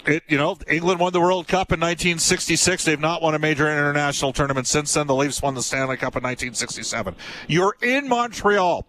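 A man's voice: a little high, quick pace, fairly bright tone, slight background noise, poor audio. A man in his fifties hosting a sports radio show, chatty and rambling, often losing his thread. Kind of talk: casual sports talk.

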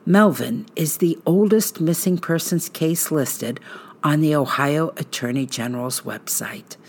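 A woman hosting a podcast, narrating a true-crime script in a suspenseful, measured storytelling manner with dramatic pauses. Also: low voice, darkish tone.

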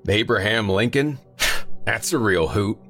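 A man voicing a gruff, weary ex-Marine postal worker in a spoken story. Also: deep voice, lively intonation, unhurried, fairly bright tone, faint music behind, full character voice. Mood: mocking.

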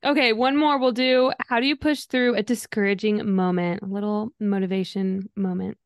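A woman's voice: mid-range voice, steady tone, moderate pace, clean tone, dry recording, clean studio sound. A young adult woman hosting a podcast in a casual chat, upbeat and chatty, laughing often. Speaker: podcast host.

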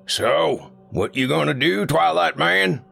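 A man doing a folksy, high-voiced CB trucker. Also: lively intonation, slow pace, creaky, sharp tone, faint music behind, full character voice. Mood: teasing. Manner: drawling, homespun talk with slipped grammar. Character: folksy male trucker on the CB, ungrammatical joker.

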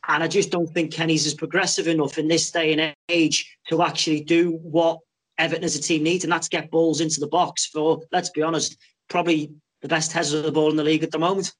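Higher-voiced man, emphatic football chat. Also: level tone, fairly quick, fairly bright tone. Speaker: football podcast guest. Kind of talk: casual football punditry. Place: video call over Skype.

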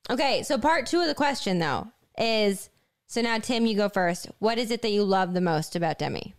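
A woman's voice: mid-range voice, lively intonation, moderate pace, smooth. Bubbly woman host quizzing a couple, giggly and chatty. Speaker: interviewer asking couples questions. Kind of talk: casual chat.

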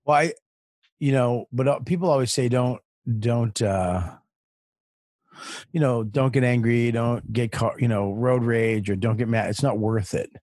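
A man guest on a casual podcast, telling stories in an animated way with a lot of swearing and restarts. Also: mid-range voice, measured pace, dry recording, clean studio sound. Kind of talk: casual storytelling chat.

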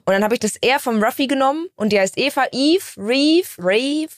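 A woman's voice: on the high side, racing, dry recording, studio quality. A young woman from Bavaria, a streamer guesting on a podcast, telling stories candidly and laughing easily. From Bavaria, Germany. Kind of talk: casual podcast chat.

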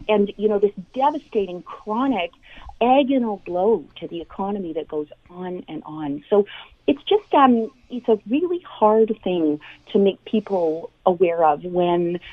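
On a thin phone line into a radio show, an expert Canadian guest explains things earnestly and conversationally, using everyday examples. She speaks at a measured pace in an expressive mid-range voice, with no echo.

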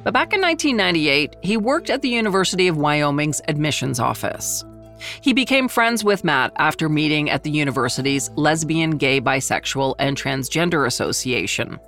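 A woman hosting a history podcast, reading scripted documentary narration in a measured storytelling manner. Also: deep voice, sing-song, a bit bright, soft background music.

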